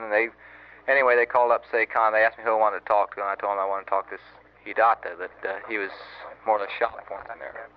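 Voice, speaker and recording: Man on an old wire recording. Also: on the low side. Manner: rambling and halting, many fillers and restarts. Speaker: Marine sergeant recording an audio letter. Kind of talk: casual spoken letter, storytelling. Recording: muffled old wire recording with faint hiss.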